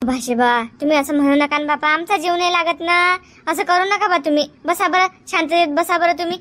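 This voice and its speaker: A woman's voice: extremely high pitch, a little fast, a bit bright. A woman, playing an anxious village woman who pleads and coaxes. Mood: pleading. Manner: pleading, coaxing.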